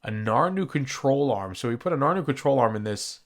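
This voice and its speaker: A man's voice: medium pitch, expressive, a little fast, vocal fry. A man hosting his gaming channel, casually talking through a car-building game and correcting himself as he goes. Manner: rambling, self-correcting.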